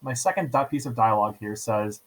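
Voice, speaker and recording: A man with a mid-range voice talks fairly quickly in a casual screen-recording tutorial for software. He explains things step by step, repeats himself, and keeps checking in with "right?"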